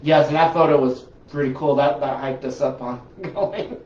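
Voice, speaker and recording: A man hosting a paranormal group's live show, telling stories in an animated, rambling way with lots of restarts. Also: on the high side, normal speed. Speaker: paranormal investigation group host. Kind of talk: casual live-stream chat. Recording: roomy, distant, slightly dull live-stream audio.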